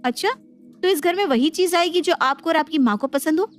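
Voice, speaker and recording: A woman voices a headstrong young daughter-in-law in a cartoon. She is sassy and quick to talk back. Her voice runs high. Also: soft background music.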